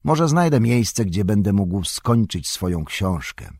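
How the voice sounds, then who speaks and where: A man voicing an irritable, possessive old male hobbit in an audiobook, in a higher, agitated voice. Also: very animated, breathy edge, no room sound, clean studio sound, heavily acted. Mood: wistful. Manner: higher, louder, quick and agitated. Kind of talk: audiobook character voice.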